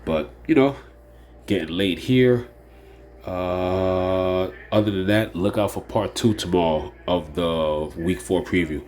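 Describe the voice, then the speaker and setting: A man with a deep, slightly mellow voice takes his time hosting a casual fantasy sports preview by himself. Nasal and a little unwell, he rambles along, leaning on fillers and repeating phrases.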